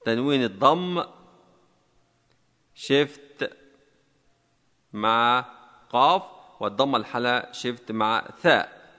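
A male teacher walks through a typing lesson one step at a time, slow and deliberate, often repeating the key combinations. His voice is bright and forceful, with a long reverb trailing each phrase. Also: mid-range voice, animated.

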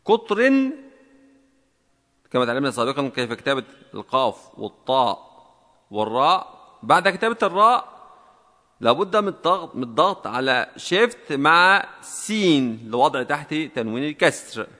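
A man teaching a typing lesson step by step, slow and deliberate, repeating each key combination. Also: medium pitch, expressive, sharp tone, in a large hall.

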